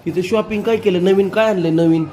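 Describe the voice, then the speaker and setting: A woman with a rural western Maharashtra Marathi accent, filming at home on a phone and gently coaxing a toddler with one question after another in a casual vlog. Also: mid-range voice, fairly quick, background noise. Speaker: family vlogger questioning a toddler.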